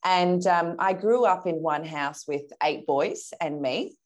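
A woman from Perth, Australia, in her early thirties, shares her personal story as an interview guest. She speaks slowly in a lowish voice, candid, self-assured and conversational.

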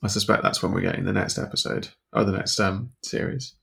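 A man co-hosting a casual podcast chat, blunt and dry, quick to argue a point. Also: low voice, steady tone, vocal fry, a bit bright, husky. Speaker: podcast co-host.

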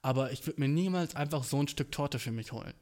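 A man's voice: mid-range voice, fast talker, a little mellow. A young man ranting in a casual, comedic way, full of slang, English words and swearing, with playfully exaggerated outrage.

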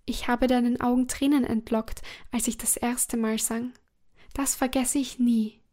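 A small, kind nightingale from a fairy tale, as a woman reading aloud gives it voice, speaking softly and tenderly to comfort a king. The voice stays close to the reader's own, fairly high and gentle. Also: flat delivery, unhurried, lightly acted.

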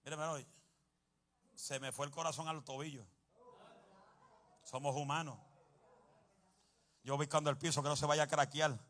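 Forceful preacher, loud bursts. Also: male voice, on the high side, normal speed, pauses often. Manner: animated, humorous, bursts into shouting. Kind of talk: sermon.

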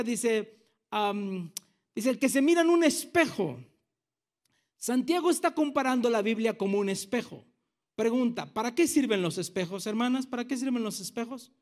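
A man preaching a sermon as pastor, asking the congregation questions and teasing them with jokes. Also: extremely high pitch.

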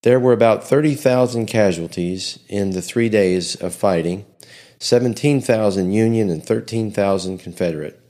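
Low-voiced man narrating history. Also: normal speed, warm tone. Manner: reads from a script with small slips and restarts. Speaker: history podcast host.

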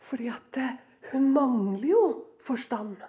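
A middle-aged woman preacher giving a sermon in a church, moving between loud emphasis and hushed whispers. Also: on the high side.

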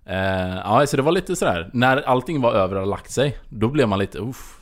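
A man hosting a podcast, telling a story in casual chat and acting out what people said. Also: mid-range voice. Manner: animated storyteller, acts out dialogue. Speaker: podcast host.

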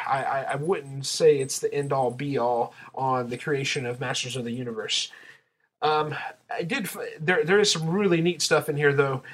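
Hesitant, slightly high-voiced male reviewer. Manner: hesitant, halting delivery. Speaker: podcast book reviewer. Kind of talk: casual rambling review.

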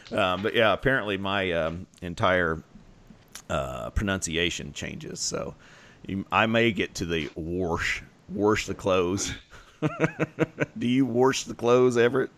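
Man with an Oklahoma accent, very animated. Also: sits low, unhurried. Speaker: podcast host. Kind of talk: casual podcast chat.

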